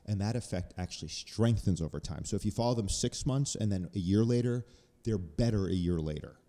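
Low voiced guy going on about research, warmish, reverby room. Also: lively intonation, a little fast. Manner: earnest, explains research at length. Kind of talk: casual chat.

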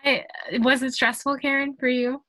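A woman guest artist talks through her creative process in a relaxed interview, pausing often and reaching for words. Her voice is bright and lively in tone, recorded dry and close. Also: high voice, no echo, low-quality recording. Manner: thoughtful, halting, with frequent fillers and laughs. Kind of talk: casual interview conversation.

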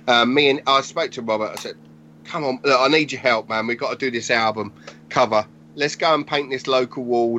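A man in his forties talks in a loose, animated way, swearing casually as he tells stories. It is a relaxed podcast chat. The audio is somewhat dull and lo-fi. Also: medium pitch, a little hiss or hum. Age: 40s. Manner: animated storytelling, swears freely. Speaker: podcast guest, graffiti artist.

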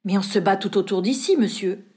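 A woman's voice: medium pitch, a little fast, a little mellow, husky, close to an everyday voice. A woman reader voicing an anxious, pleading male servant who is fussy and fearful. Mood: alarmed.

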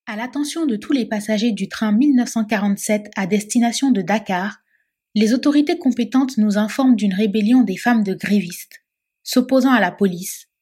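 A woman voicing a formal train announcer making a delay announcement, husky. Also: medium pitch, darkish tone, close to an everyday voice.

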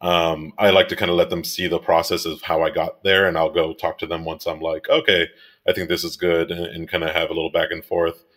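Deep-voiced guy from miami in his 30s, photographer, chatty and rambly, lots of um and you know. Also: flat delivery, a little fast, fairly bright tone. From Miami, United States. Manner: rambling, many fillers and restarts, laughs easily. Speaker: guest, commercial photographer and director. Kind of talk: casual interview conversation.

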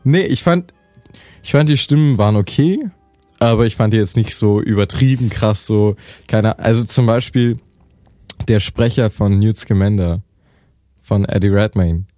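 A young man in casual podcast chat, laid-back and slangy, pausing often with fillers. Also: fairly low pitch, dark tone, no room sound, faint music behind.

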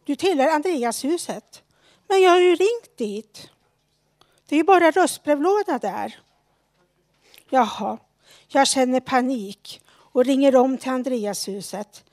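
A woman in her forties reading a personal story aloud on the radio, slowly and earnestly, with a few restarts. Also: a little high, gravelly, darkish tone, no room sound. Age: 40s.

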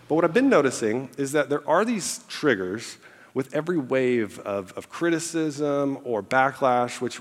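Speaking at a medium pitch, a church staff member in his thirties gives his farewell speech on stage in a church auditorium. Born in Egypt and raised in America, he tells candid stories at his own expense, using plenty of fillers. The recording carries the long reverb of a large hall, with audience laughter behind him.

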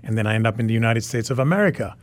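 A Czech photographer in his forties, a native Czech speaker from the Czech Republic, appears as a guest on a radio interview. His lowish, animated voice comes rapid-fire on a dry recording, and he talks enthusiastically, repeating words for emphasis.

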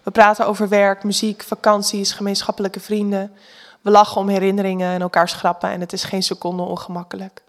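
Woman, Dutch accent, scripted first-person narration, calm, intimate. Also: mid-range voice, a little fast. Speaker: storyteller.

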